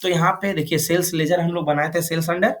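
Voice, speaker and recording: A man's voice: a little high, fairly even intonation, fairly quick, a bit bright. A man teaching a classroom lesson, constantly checking whether students follow. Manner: checks understanding with frequent questions. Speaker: computer course teacher. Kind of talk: live classroom instruction.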